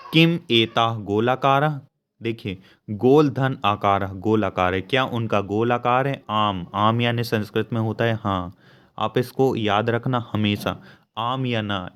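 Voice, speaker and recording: A young man, explaining a school lesson patiently and slowly. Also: medium pitch. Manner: slow, patient explanation with frequent asides to students. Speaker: teacher.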